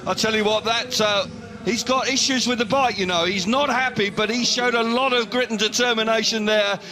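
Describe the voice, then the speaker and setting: A man giving expert live motorsport commentary with an animated, emphatic delivery. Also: sits high, normal speed, low-quality recording. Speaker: expert co-commentator, former rider.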